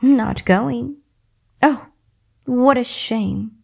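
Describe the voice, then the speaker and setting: A woman's voice: sits high, big pitch swings, unhurried, a little mellow. A woman voicing a cruel, mocking middle-aged stepmother in a bedtime story. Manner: sneering, mocking.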